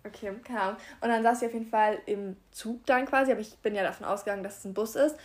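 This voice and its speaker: A young woman with a somewhat high voice talks casually into wireless earbuds. She tells stories in a rambling, filler-heavy way and acts out quoted lines as she goes. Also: steady tone, fast. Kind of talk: casual chat.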